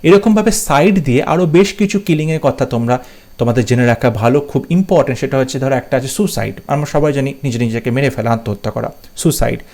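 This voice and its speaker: A man teaching English for an exam, explaining step by step and slowing down to read example sentences. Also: medium pitch, a little mellow. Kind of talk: exam-prep lesson.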